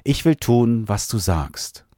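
A man voicing an old, nearly blind priest who speaks calmly and kindly to a boy. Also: medium pitch, takes it slowly, no echo, studio quality, voice pushed up. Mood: patient.

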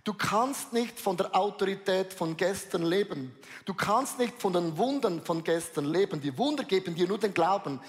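A man preaching a sermon to a congregation. He speaks emphatically, repeats key phrases and addresses the listeners directly. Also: high-pitched. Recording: long reverb in a large hall.

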